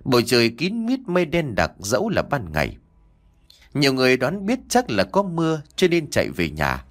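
A man's voice: huge pitch swings, moderate pace. A man narrating a ghost story in a dramatic storytelling style. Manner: dramatic, sweeping pitch.

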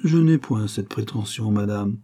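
A man voicing a composed, dignified doctor who answers in calm, measured tones. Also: on the low side, breathy edge.

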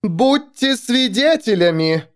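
A man's voice: very high voice, lively intonation, slow, pitched above the performer's own voice, heavily acted. A man voicing a fanatical female bishop who thunders accusations to a crowd, in an audiobook. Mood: outraged. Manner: declaiming, outraged.

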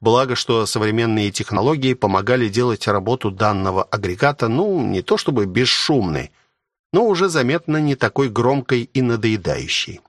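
Brief: male narrator, even mid voice, matter-of-fact, dead-dry booth. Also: medium pitch, normal speed, dry recording. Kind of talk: audiobook narration.

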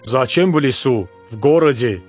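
A man voicing a calm, laconic man from Baku with an Azerbaijani accent and terse, unhurried phrasing. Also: medium pitch, soft background music, voice pushed up, close to an everyday voice.

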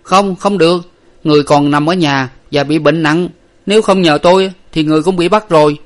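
A man reading a story, voicing an excitable, timid young male servant who shouts urgently. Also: on the high side, brisk, voice pushed up, lightly acted.

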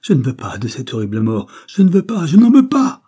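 A man voicing a terrified male bandit captain who begs and cries out, frantic and rising in pitch. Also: normal speed, mellow, husky, natural voice. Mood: terrified pleading.

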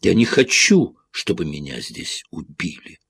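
Male reader doing frightened foreign traveller, shrill and insistent, husky edge, pitched up from his low voice, dry recording. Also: big pitch swings, unhurried, sharp tone, no room sound, exaggerated voice. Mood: hysterical. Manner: shrill, insistent, repeating himself. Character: frightened foreign man, panicky and pleading.

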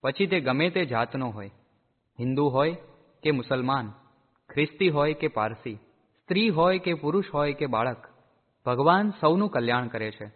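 Man reading out a religious storybook, slow steady delivery, sounds echoey and tinny like a phone call. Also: on the high side. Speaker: narrator.

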